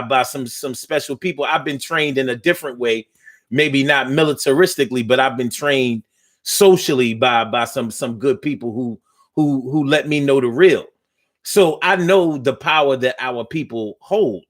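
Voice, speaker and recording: A man's voice: mid-range voice, a bit bright. A man of fifty hosting a call-in talk show, speaking with passion and often repeating words as he builds his point. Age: 50s.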